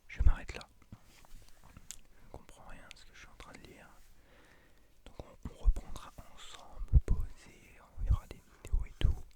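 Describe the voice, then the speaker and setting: A man's voice: moderate pace, pauses often. A man in his late twenties speaking in an unvoiced library whisper, an ASMR whispered role-play, hesitant and intimate as he addresses the listener. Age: late 20s. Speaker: ASMR creator and host.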